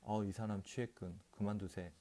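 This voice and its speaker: A male narrator voices a cautious friend at the tavern who gently warns against another round. The voice is low and mellow, plain and measured. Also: fairly even intonation, lightly acted. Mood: cautioning. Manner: mild, warning. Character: cautious sober male drinking companion.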